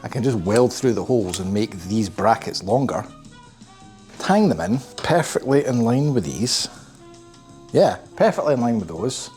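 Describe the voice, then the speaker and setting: Man, lowish voice, solo garage build vlog, muttering, wry. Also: darkish tone. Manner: muttering, self-deprecating, swears under breath. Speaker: kit car builder. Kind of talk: workshop build vlog, thinking aloud. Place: home garage workshop.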